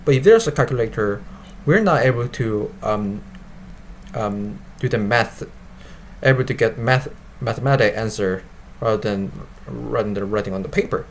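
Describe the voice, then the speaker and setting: A man speaking non-native English, informally explaining and demonstrating his software in a halting way, often repeating and rephrasing himself. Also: fairly low pitch, slight background noise. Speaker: developer presenting his web app. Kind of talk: informal product demo and explanation.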